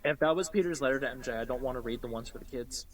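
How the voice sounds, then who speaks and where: A man co-hosting a casual podcast chat, talking in an animated, emphatic way and swearing freely. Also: medium pitch, racing, poor audio. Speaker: podcast co-host.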